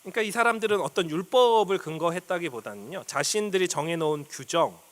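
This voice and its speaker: A male pastor delivers a sermon, teaching his congregation through a passage verse by verse. His voice sits a little high and swings widely in pitch. He hesitates often on small fillers while he talks things through. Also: a bit bright. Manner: reads scripture aloud and acts out quoted speech.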